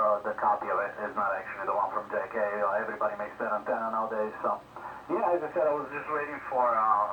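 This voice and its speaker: Man, fading shortwave radio, relaxed, hesitant, distant, dull sound. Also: on the low side, a little hiss or hum. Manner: relaxed, hesitant with many fillers. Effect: heard over fading shortwave radio. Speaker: amateur radio operator. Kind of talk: casual radio contact.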